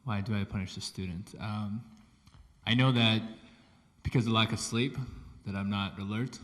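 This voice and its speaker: A very low-voiced man who teaches school answers from the audience, pausing and searching for each word. A long hall reverb trails behind his voice. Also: steady tone. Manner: hesitant, searching for words. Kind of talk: question-and-answer exchange.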